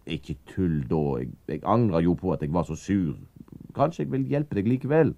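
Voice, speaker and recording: A man's voice: sits low, animated, vocal fry, warm tone, dry recording, highs cut off, voice pushed up. A man voicing an eccentric, suspicious male detective in a storybook reading, with a hammy, exclaiming delivery. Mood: friendly.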